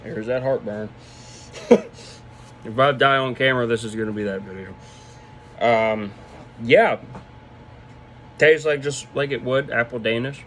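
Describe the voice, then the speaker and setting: A man's voice: mid-range voice, normal speed, fairly bright tone, a little hiss or hum. Young man talking with a lip full of dip. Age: 20s. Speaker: product reviewer. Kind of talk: casual vlog review, off the cuff. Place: small room indoors. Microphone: phone at arm's length.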